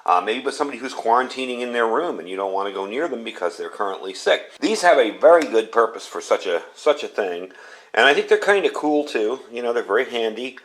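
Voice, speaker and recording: Over a rough recording, a man's medium-pitched, fairly bright voice moves briskly with lively intonation. He's a channel host doing an easygoing hands-on review of a product, plain-talking and folksy, often repeating himself to stress a point.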